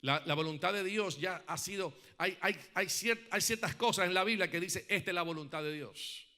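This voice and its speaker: A man preaching a sermon who calls on the congregation to respond, asks many rhetorical questions, and swings from loud emphatic peaks to quiet, reflective passages. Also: high-pitched, normal speed. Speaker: pastor.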